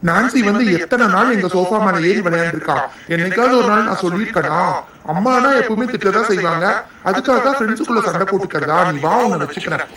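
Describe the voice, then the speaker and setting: A man's voice: high voice, quick pace, bright, forceful tone, very echoey, far from the mic. A man voicing cheeky, boastful young boys in a cartoon, talking in a bold, teasing and argumentative way. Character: cheeky young boy playmates, boastful and quarrelsome. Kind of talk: cartoon dubbing.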